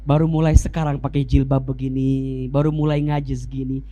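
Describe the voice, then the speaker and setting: A man's voice: mid-range voice, little pitch movement, a little fast, dark tone, voice pushed down, lightly acted. A male preacher imitating a middle-aged woman congregant who bashfully admits she has only just begun practising. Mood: sheepish.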